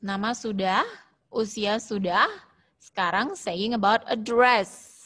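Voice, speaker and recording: A woman English teacher with an Indonesian accent, teaching an online class and modelling phrases slowly. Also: medium pitch, fairly bright tone. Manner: explains at length, repeating and modelling phrases slowly. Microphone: video call.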